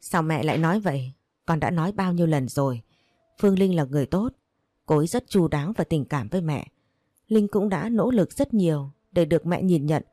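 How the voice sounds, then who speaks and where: A woman narrator voices a gentle grown son who softly pleads with his mother in a low, warm voice. His delivery is brisk with lively intonation. The recording is dry and close, without echo.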